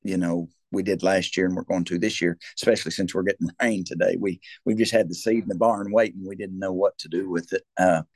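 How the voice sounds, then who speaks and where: A man's voice: sits low, steady tone, fairly quick, few pauses, dry recording. A man with a rural Southern US accent talking as a cattle rancher, explaining things conversationally in a folksy, rambling way with repeated words and restarts. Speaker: cattle rancher, interview guest.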